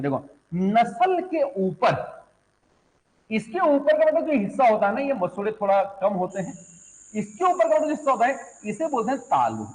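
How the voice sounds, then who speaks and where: A man's voice: sits high, darkish tone. A young adult man teaching a class, asking students questions, answering them himself and repeating syllables aloud. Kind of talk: classroom lecture on Hindi phonetics. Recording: echoey classroom.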